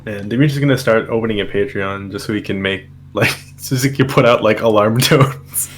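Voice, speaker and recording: A man's voice: fairly low pitch, a little fast, a little hiss or hum. A young man on a game stream, making dry joking remarks about the story. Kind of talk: casual game stream banter.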